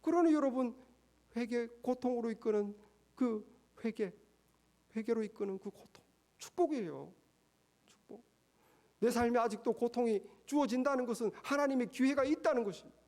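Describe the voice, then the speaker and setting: A man preaching a sermon as pastor, emphatic and full of rhetorical questions, swinging between raised passages and quiet low asides. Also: moderate pace, long pauses.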